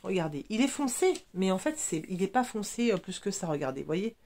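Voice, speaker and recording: A woman's voice: medium pitch, very animated, a little fast, a little mellow, slight background noise. A woman in her forties, sniffling a little, chatting enthusiastically about her makeup products. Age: 40s. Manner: chatty and enthusiastic, many fillers. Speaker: beauty vlogger. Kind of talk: casual makeup product chat.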